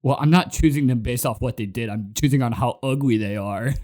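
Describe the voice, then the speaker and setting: A man's voice: mid-range voice, a little fast, a little mellow. A young man guest on a podcast, talking casually and a bit hesitantly. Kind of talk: casual chat.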